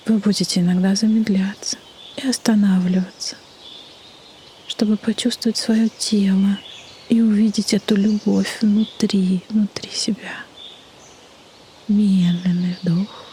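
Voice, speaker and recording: A woman leading a guided meditation in a soft, breathy half-whisper, with soothing delivery and long pauses. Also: mid-range voice, steady tone. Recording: faint background noise, birdsong ambience. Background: birdsong and nature ambience.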